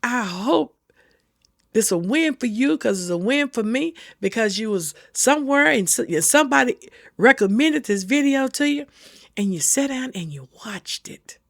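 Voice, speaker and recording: A middle-aged woman hosting a senior safety channel speaks to camera with earnest, folksy advice, repeating her warnings for emphasis. Her gravelly voice sits on the high side, animated and normally paced, in clean studio sound without room noise.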